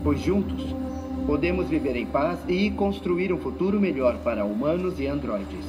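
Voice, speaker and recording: Dignified android leader played by a male actor, earnest measured oratory, higher male voice, game with loud music. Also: animated, lightly acted. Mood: solemn hope. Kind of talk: broadcast speech in video game dub.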